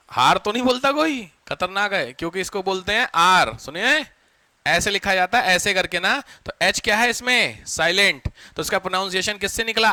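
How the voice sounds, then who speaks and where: A man teaching a class, quizzing his students with quick questions and answering them himself. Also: high voice, bright, forceful tone, no echo. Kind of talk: classroom lecture.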